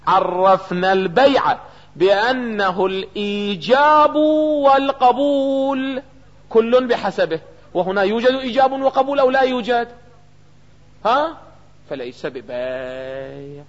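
A man's voice: high voice, animated, measured pace. A man with an Iraqi Arabic accent teaching jurisprudence in a seminary lecture, constantly throwing questions at his students and answering them himself. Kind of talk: seminary lecture on a legal text. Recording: reverberant hall, dull lo-fi sound.

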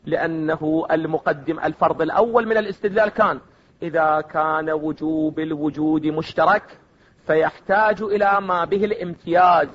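A man's voice: on the high side, steady tone, normal speed, fairly bright tone. A man with an Iraqi accent teaching a seminary philosophy class and quizzing his students with repeated either-or questions. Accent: Iraqi Arabic. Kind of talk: classroom lecture. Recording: dull lo-fi recording.

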